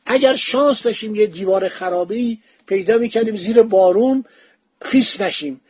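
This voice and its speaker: This podcast host has a high, slightly rough voice with a darkish tone, recorded dry. Sitting in a home study with bookshelves, he casually retells a historical travel account as an anecdote, performing the quoted lines as he goes.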